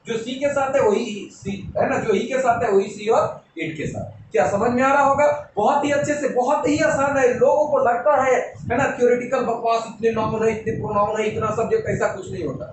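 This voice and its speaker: Man, high voice, grammar lesson, repeats rules, noisy background. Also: steady tone. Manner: repetitive, checks understanding with rhetorical questions; slows down, dictating example sentences. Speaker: English grammar teacher. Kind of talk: classroom lecture. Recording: very echoey room, mic at a distance, noisy.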